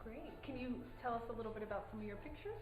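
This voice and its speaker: A woman asks short interview questions in a quick, fairly high voice. She sounds encouraging. The recording is dull and quiet, with some music behind her. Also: husky.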